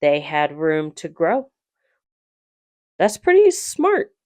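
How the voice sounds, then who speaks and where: A woman's voice: sits low, wildly swooping pitch, slow pace, a little mellow, no room sound, clean studio sound. A woman casually narrating her trip in a home voice-over, rambling a bit and unsure of place names.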